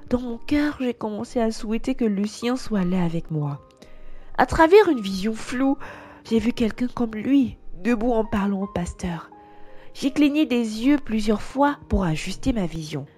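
Woman, first-person story narration, earnest, mellow tone, faint background music. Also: mid-range voice.

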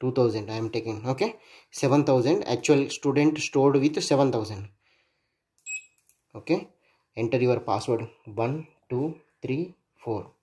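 Thinking aloud in a halting manner, a man narrates his hands-on electronics demo from an indoor workbench, spelling out letters and digits. His voice is mid-range and mellow.

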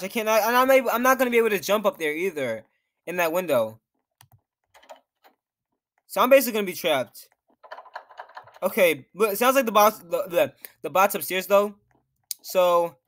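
A man's voice: high voice, fairly bright tone. A young man commenting nervously on his own gameplay as a YouTuber, talking to himself and reacting to what happens on screen. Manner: jittery, nervous, talks to himself while playing. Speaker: gaming YouTuber.

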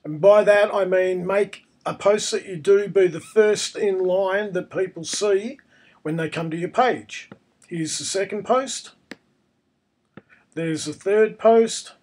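A man, croaky and hoarse from a cold, narrating a casual step-by-step screencast tutorial. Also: high voice, slow, darkish tone. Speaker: tutorial presenter.

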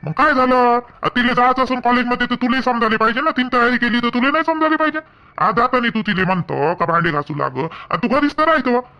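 A man with a rural Maharashtra Marathi accent plays a husband in a village family skit. He talks in a coaxing, mildly teasing way. His voice is high for a man and bright. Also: fast talker. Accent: Marathi dialect of rural Maharashtra.

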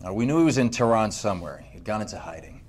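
A man's voice: on the low side, animated, fast. A man playing a weary, defiant young Marine sergeant under interrogation in a video game, giving terse, guarded answers. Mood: weary, recounting. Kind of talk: naturalistic video game acting.

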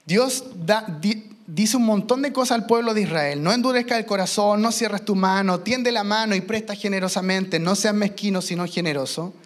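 A man, preaching a sermon as pastor, emphatic and slowing down for key phrases. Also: sits high. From Chile. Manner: emphatic, slows down for key phrases, mimics children. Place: church.

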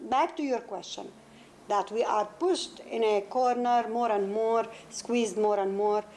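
On a faintly noisy 1991 tape, a novelist from Palestine speaks English as a second language, her native tongue being Arabic. She replies to the interviewer with earnest care, often restarting and repeating words, in a slightly high, unhurried and somewhat mellow voice.

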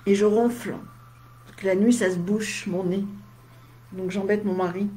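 A woman speaks casually to her live-stream audience, replying to their comments in short, chatty asides. She sounds tired, and a slight head cold leaves her voice faintly husky and dry. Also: medium pitch, fairly even intonation, a little slow, dark tone. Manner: chatty, talks straight to viewers in short asides. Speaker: medium.

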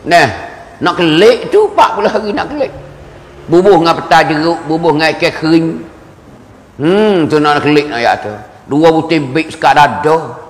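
A man with a Kelantan-Pattani Malay accent giving a religious lecture, repeating words for emphasis and chanting Arabic verses slowly. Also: a little high, animated. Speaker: religious teacher. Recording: echoey hall with long reverb.

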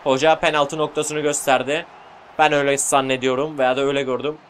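Excitable man commentating his football game. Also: medium pitch, a little fast, slight background noise. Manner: excitable, shouts at goals, jokey. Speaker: gaming YouTuber.

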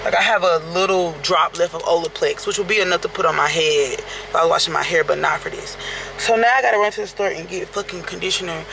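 A young woman vlogs casually from home, talking straight to her viewers with plenty of swearing and exasperation. Her voice has a gravelly fry to it. The phone recording is noisy. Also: lowish voice, fast. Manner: profane, exasperated, talks to viewers as y'all. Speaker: vlogger. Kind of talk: casual vlog chat.

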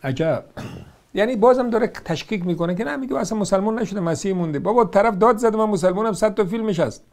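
Combative high-voiced man rebutting point by point. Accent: Iranian Persian. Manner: combative, sarcastic, rhetorical questions. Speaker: religious commentator. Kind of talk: argumentative religious commentary.

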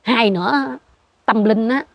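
An older woman with a Southern Vietnamese accent, telling a ghost story in an animated way and acting out what she saw. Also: fairly high pitch, a little slow, no echo. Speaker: interviewee. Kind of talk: ghost story told in conversation.

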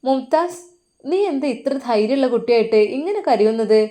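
A woman voicing a caring mother who gently scolds and coaxes her daughter. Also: fairly high pitch, animated, normal speed, close to an everyday voice. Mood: coaxing.

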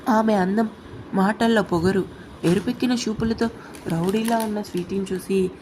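Woman, storyteller, expressive narration, mid pitch, faint hiss. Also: normal speed. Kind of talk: dramatic audio story narration.

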